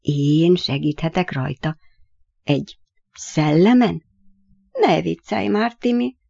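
A frightened young boy from a storybook, full of anxious, disbelieving questions, as a woman reads his part. The voice has a gravelly edge, and the recording sounds dry and a little dull. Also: lowish voice, lively intonation, mellow, dry recording. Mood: incredulous.

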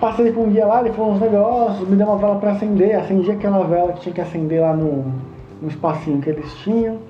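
A man's voice: sits high, steady tone, fast talker. A man telling a personal testimony in an earnest way, acting out the dialogue he remembers. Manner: earnest, acts out quoted dialogue. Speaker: storyteller. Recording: roomy, dull lo-fi sound with faint guitar.

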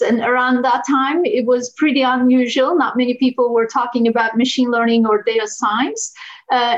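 A woman from Turkey, a guest telling her career story in an energetic way. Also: high voice. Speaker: guest, analytics executive. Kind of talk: podcast interview. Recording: dull, muffled line.

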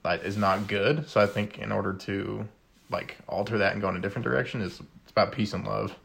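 A man hosting a laid-back chat show, talking easily with plenty of fillers. His voice sits low and has a gravelly, fried edge. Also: fast. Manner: relaxed, conversational, frequent fillers. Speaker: host. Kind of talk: casual chat.

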